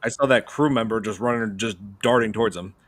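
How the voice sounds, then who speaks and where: A man's voice: fairly low pitch, fairly quick, a bit bright, no room sound. A man hosting a horror movie podcast, talking casually and rambling with many hesitations. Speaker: podcast host. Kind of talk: casual chat.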